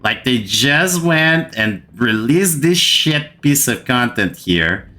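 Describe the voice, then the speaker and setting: Here a Brazilian-accented gaming channel host, native in Portuguese, takes his time as he complains to the camera. His mid-range voice has a sharp edge and lively intonation, and he keeps repeating words for emphasis.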